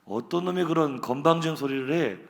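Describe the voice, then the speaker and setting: A man voicing a gruff, blunt lion in a joke story. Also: on the high side, brisk. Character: gruff boastful male lion, quick to flee.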